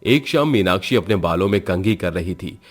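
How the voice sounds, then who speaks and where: A man narrating a storybook cartoon in a steady, scripted way. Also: sits low, normal speed.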